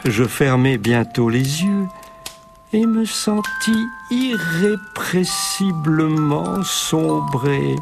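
A man's voice: a little high, lively intonation, very slow, creaky. A man narrating a Christmas story in the first person, wry and self-mocking. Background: music.

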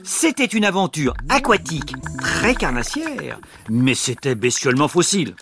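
A man narrating an adventure like a nature documentary, in an animated, dramatized way, as host of a children's show. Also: fairly high pitch, normal speed, gravelly, music in the background.

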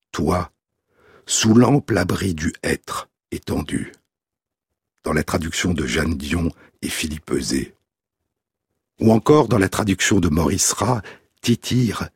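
A man hosting a radio program, reading a scripted essay in a measured, deliberate way. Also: low voice, breathy edge, no room sound, clean studio sound. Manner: measured, deliberate reading, tapping out verse rhythms in syllables. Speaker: radio host.

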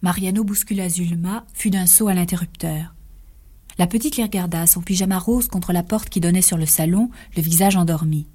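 A woman reading a story aloud for radio in an expressive voice that often drops to a whisper. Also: lowish voice, normal speed. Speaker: reader.

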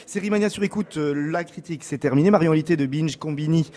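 Brisk radio host, a man, fairly high voice. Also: warm tone. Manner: brisk, wrapping up with thanks. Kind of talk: moderating a critics' debate. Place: radio studio.

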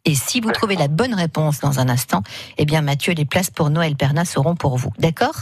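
A woman's voice: low-pitched, moderate pace, slightly rough, dry recording, clean studio sound. A woman hosting radio in a casual, chatty presenting style. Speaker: radio host. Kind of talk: lively casual radio chat and game presenting.

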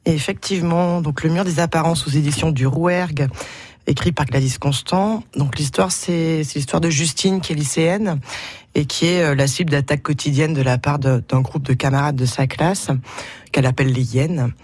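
A woman's voice: low voice, moderate pace, darkish tone, slightly rough, no echo. A woman presenting a book on radio in an unscripted way, explaining hesitantly and correcting herself.

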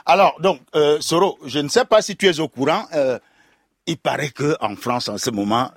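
A man's voice: a little high, normal speed, no echo, clean studio sound. A man, a radio guest, chatting casually in a playful, joking way. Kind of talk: casual chat.

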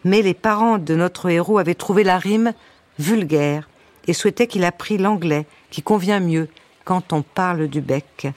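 Woman gently reading a children's story. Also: on the low side, measured pace, no room sound. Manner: gentle, wry narration with asides.

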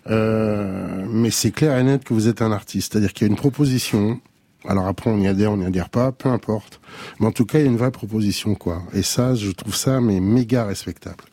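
A man's voice: on the low side, fairly quick, mellow, no echo. A man, a rock singer guest on a radio show, speaking emphatically and stammering on repeated words. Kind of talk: radio interview.

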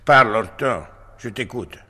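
An actor playing a bewildered, curious medieval lord who questions and coaxes, in a 1960s radio drama. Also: male voice, mid-range voice, measured pace, noisy background, close to an everyday voice. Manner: questioning, coaxing, calls out loudly.

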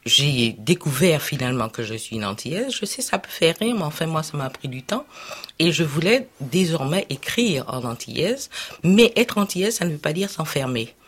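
A woman's voice: sits low, sing-song, normal speed, breathy edge. A woman writer speaking reflectively in an archival interview.

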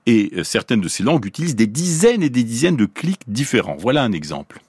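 A man from Paris giving a scripted radio explanation as a science columnist, in a clear teaching tone that slows down to pronounce examples. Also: mid-range voice, very animated, darkish tone, no room sound, studio quality. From Paris, France.

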